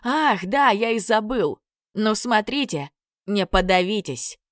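A woman's voice: medium pitch, animated, slow pace, no room sound, clean studio sound, pitched above the performer's own voice. A woman voicing a brash young male hero who teases and boasts in an audiobook story. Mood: cocky. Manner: teasing, boastful.

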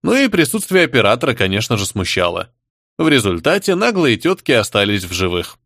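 A man narrating an audiobook, reading every character himself and raising his pitch for the female figures. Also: sing-song, a little fast, fairly bright tone, dry recording, studio quality. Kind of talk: scripted narration.

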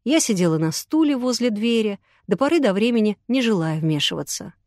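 Lively woman narrating an audiobook. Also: medium pitch, a little fast, no echo, clean studio sound. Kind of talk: first-person audiobook narration.

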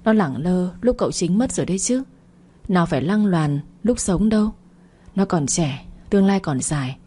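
Woman reader doing an older housekeeper, kind but blunt, low voice, storybook. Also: animated, normal speed, husky. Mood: chiding. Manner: plain, scolding gently. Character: kindly older female housekeeper, frank.

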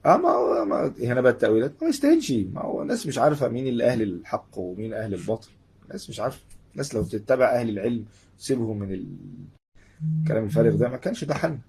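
An Egyptian man delivers a religious lesson at a very fast clip, his voice slightly husky. He keeps it conversational and lively, like he is chatting with the listeners rather than preaching at them. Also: mid-range voice. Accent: Egyptian Arabic. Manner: conversational, animated, acts out little dialogues. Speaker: Islamic lecturer. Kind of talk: religious lecture in colloquial speech.

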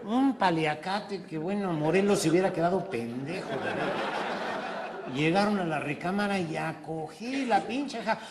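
A man's voice: high-pitched, expressive, normal speed, very noisy. A man with a Mexican accent doing crude stand-up storytelling, acting out every character with shrieks and put-on voices. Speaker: stand-up comedian. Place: live comedy show with audience. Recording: live show with loud crowd laughter.

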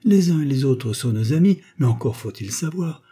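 A man putting on a nagging bourgeois wife, her voice pushed up high and loud with a husky edge. She snaps and scoffs, all impatience and scorn, in a storybook reading. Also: animated, normal speed. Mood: impatient. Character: sharp-tongued bourgeois wife, scolding and impatient.

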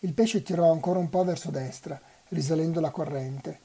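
Reader doing a novel aloud, unhurried and even, really dark husky voice. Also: mid-range voice. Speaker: volunteer reader.

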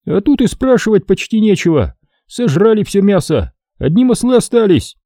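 A man's voice: high voice, very animated, moderate pace, dark tone, no room sound, studio quality, pitched above the performer's own voice, full character voice. A man voicing a cheeky, always hungry young soldier who talks while chewing and stays unbothered. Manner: talking with a full mouth, unbothered.

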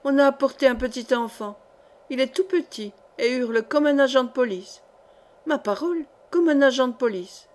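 A woman's voice: sits high, moderate pace, a little mellow, natural voice. A woman voicing a tipsy young woman who teases in a mocking, playful and crude way in a storybook reading. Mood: teasing tipsy. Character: tipsy, teasing young woman, cheeky and giggly.

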